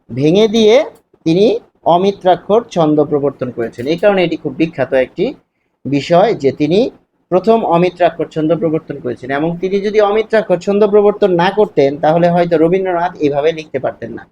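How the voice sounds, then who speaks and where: Mellow-voiced man teaching a lesson. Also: on the high side. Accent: Bangladeshi Bengali. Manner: explains step by step with rhetorical questions. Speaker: Bangla teacher. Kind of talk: classroom lecture. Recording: dull lo-fi sound with faint hiss.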